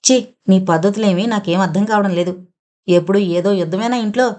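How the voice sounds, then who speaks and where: A woman's voice: medium pitch, fairly quick, dark tone, natural voice. Audio novel: woman doing a fed-up son scolding his mother, reproachful. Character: young man, exasperated reproachful son.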